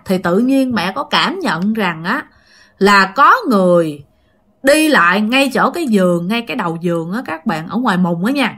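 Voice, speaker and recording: A woman's voice: medium pitch, bright, forceful tone. A woman with a Southern Vietnamese accent telling ghost stories in a chatty way, talking straight to her listeners with many fillers. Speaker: ghost-story channel narrator. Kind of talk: casual storytelling narration.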